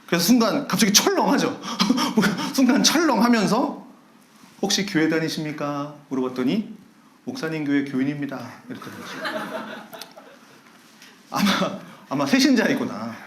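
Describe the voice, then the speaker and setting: Male pastor, high voice, lively pitch, storytelling sermon, echoey church hall. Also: slight background noise. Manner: animated storyteller acting out angry shouts and laughing. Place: church sanctuary.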